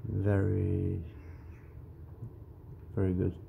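A man casually showing off his knives, mumbling in a quiet, halting way. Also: low-pitched, completely flat delivery, vocal fry, phone-quality sound, slight background noise. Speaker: knife collector vlogger. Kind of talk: casual show-and-tell.

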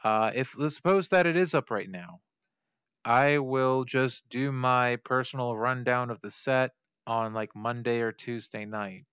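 In casual let's play commentary, a man addresses viewers while streaming, swearing offhandedly, thinking aloud and often correcting himself mid-sentence. His medium-pitched voice is unhurried, a bit bright, clear and resonant. There's no room sound.

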